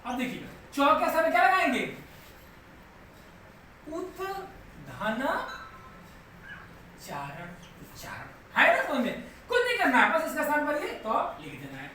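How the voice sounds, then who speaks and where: Echoey far-off male teacher, bright tone. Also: extremely high pitch, wildly swooping pitch, brisk, hardly any pauses. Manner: patient, repeats steps, keeps checking students follow. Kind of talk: live online grammar class. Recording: very echoey room, voice far from mic, faint background noise.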